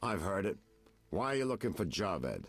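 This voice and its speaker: An actor playing a world-weary private detective in a video game, with a theatrical, insinuating noir delivery. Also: male voice, low-pitched, sing-song, normal speed, soft background music, exaggerated voice. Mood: guarded, knowing. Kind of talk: video game dialogue acting.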